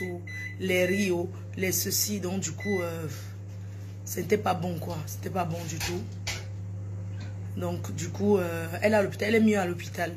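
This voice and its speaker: Woman hosting a casual morning phone live stream, soft-spoken and chatty, faint hum behind. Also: mid-range voice. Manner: chatty, greets viewers affectionately; speaks softly in the morning.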